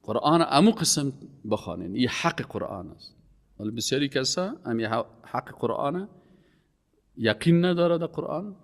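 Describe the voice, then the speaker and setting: Man preaching in an echoing hall. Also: lively intonation. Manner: emphatic preaching, voice rising on key words and falling low. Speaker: Quran teacher. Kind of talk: religious lecture. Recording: long hall reverb.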